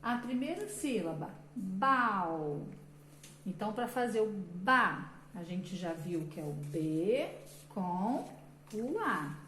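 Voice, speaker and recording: Teacher, woman, slightly high voice, patient and drawn-out, echoey room. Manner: slow, patient, sounding out syllables. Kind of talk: children's literacy lesson. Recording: echoey room with faint background noise.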